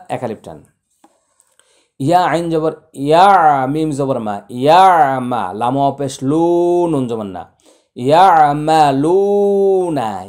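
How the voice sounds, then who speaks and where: A man teaching Quran recitation, chanting verses in a slow, drawn-out way and then spelling out the letters and rules in quick, low asides. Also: darkish tone.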